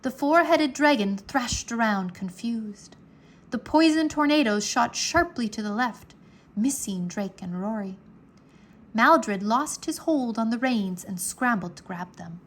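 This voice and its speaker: Her voice on the high side, a woman reads a children's adventure story aloud, giving it a dramatic, expressive, measured storyteller's touch.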